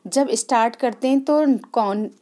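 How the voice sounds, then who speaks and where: A woman's voice: fairly high pitch, a little slow, mellow. A woman teacher giving a grammar lesson, explaining step by step and repeating the key points. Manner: explains step by step, repeats key points, asks and answers her own questions.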